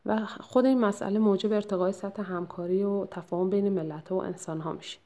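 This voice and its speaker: A woman giving a lecture that summarizes a textbook chapter, explaining at a measured pace and often pausing to hesitate or correct herself. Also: mid-range voice, steady tone, warm tone.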